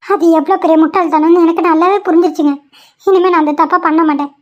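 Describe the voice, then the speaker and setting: A woman's voice: very high voice, fairly even intonation, fast. A woman voicing an emotional young pregnant wife in a cartoon, pleading and often tearful. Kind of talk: cartoon voice acting. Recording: dull lo-fi sound.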